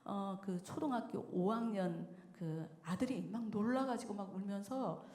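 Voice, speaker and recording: A woman's voice: medium pitch, a little slow. A woman minister giving a sermon to a mothers' prayer meeting, telling stories and acting out the people in them, with frequent chuckles. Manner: lively storytelling, acting out quoted voices with frequent chuckles. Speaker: church minister preaching. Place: church sanctuary. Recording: echoey church hall with long reverb.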